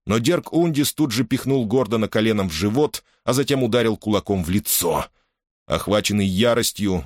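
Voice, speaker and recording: A man reads a novel aloud in a steady, measured narration. His voice is very deep. The recording is dry, with no room sound. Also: no echo. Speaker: audiobook narrator. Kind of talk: scripted narration of a science fiction novel.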